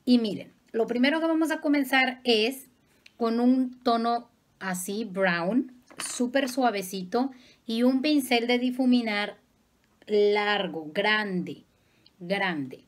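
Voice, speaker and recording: A makeup artist woman guides viewers through her look one step at a time. She talks slowly and affectionately, in a slightly high voice, and keeps checking that they follow. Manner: patient, affectionate teaching tone.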